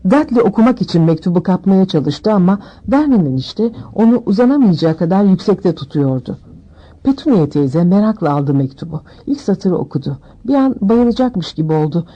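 A woman narrating an audiobook in a steady, measured reading. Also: on the low side, lo-fi sound.

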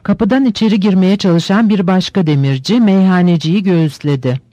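A man reading a novel aloud in steady, measured scripted narration. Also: high-pitched, dry recording.

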